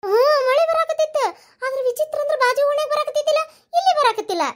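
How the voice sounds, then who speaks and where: Cartoon role: nosy North Karnataka village woman, very high and squeaky, as a performer puts her on. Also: fairly bright tone. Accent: North Karnataka Kannada. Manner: nosy, pestering, quick to tease. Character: chatty village woman back from the city. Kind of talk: cartoon comedy voice acting.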